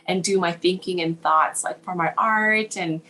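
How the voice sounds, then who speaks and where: A woman's voice: fairly low pitch, normal speed, pushed and bright, a little hiss or hum, low-quality recording. A young woman, a children's book illustrator from Hawaii who grew up in Southern California, chatting casually in an interview, giggly and full of "like" fillers. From Hawaii, raised in Southern California.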